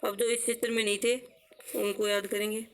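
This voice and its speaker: A woman's voice: mid-range voice, level tone, poor audio. A woman teaching an exam-prep lesson, drilling terms with memory tricks, asking questions and answering them herself. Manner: explains slowly with rhetorical questions and answers; repeats words to drill them.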